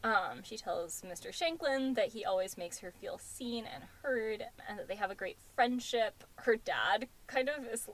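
A podcast co-host recaps a reality dating show in chatty conversation full of fillers like "um" and "like". Her voice is fairly high and fairly bright, measured in pace with few pauses, and the audio is poor.

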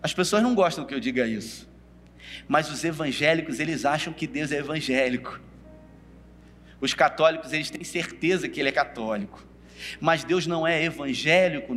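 A man's voice: on the high side, fairly bright tone. A preacher telling a Bible story in a sermon, calling out to his listeners by name. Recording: long reverb of a hall.

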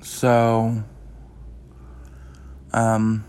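Young male podcast host, casual rambling delivery, slow and monotone. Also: lowish voice, clear, resonant tone. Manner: rambling, heavy use of "like" and "um". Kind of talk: casual chat.

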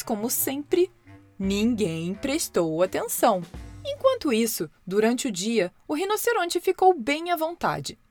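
A woman narrating a children's storybook with expressive, lively delivery. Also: fairly high pitch.

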